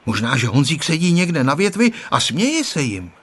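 A man voicing a steady older schoolboy who leads the group in a calm, firm way. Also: a little high, breathy edge, pitched above the performer's own voice, full character voice.

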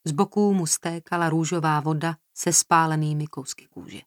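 A woman reading a novel aloud as an audiobook narrator, steady and even-toned. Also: low voice, dry recording, studio quality. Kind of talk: scripted narration.

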